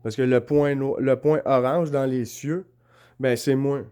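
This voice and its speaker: A man's voice: medium pitch, fairly even intonation, unhurried, mellow, clear, resonant tone. Rambling Québécois man, insistent. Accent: Québécois French. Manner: rambling, insistent, keeps asking "comprends-tu"; shows notes and drawings while talking. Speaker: vlogger. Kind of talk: casual monologue to camera.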